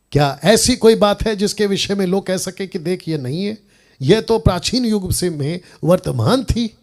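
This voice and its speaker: A man's voice: on the high side, dark tone. A man giving a Bible lesson, asking pointed questions and mixing English words and verses into his talk. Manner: reads English verses slowly and deliberately; argumentative, asks the audience pointed questions. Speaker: Bible teacher. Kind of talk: Bible teaching in Hindi.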